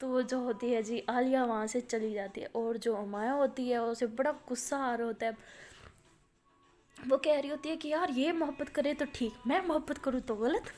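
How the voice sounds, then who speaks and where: A woman's voice: high voice, fairly even intonation, moderate pace, a little mellow, soft background music. A woman narrating a love story in a chatty, casual storytelling style, full of filler words.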